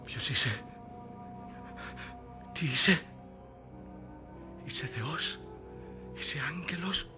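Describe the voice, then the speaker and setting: An actor playing Brutus, a troubled and commanding Roman general, in a theatrical radio drama, swinging between hushed talk and shouts. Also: male voice, fairly high pitch, animated, pauses often, music in the background, lightly acted. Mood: uneasy. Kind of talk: classic radio drama acting.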